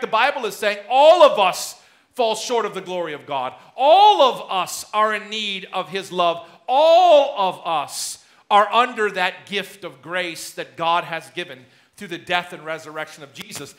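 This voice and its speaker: Man, pastor, 30s, high voice, bright, sermon in a church, loud-soft swings. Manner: preaching with wide swings in loudness and gestures. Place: church sanctuary before the altar.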